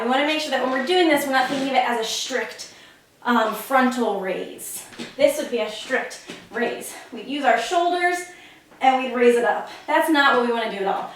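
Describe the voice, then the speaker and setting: A woman's voice: a little high, slight background noise. A woman fitness instructor explaining and demonstrating exercise technique, a little out of breath as she moves. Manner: instructive, demonstrates while talking. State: slightly out of breath. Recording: very echoey room, voice from a distance.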